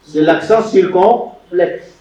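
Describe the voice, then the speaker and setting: A man's voice: high-pitched, slow, dark tone. A man teaching biblical Hebrew grammar to a class, repeating words and quizzing his students as he lectures. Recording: roomy, distant, dull lo-fi classroom recording.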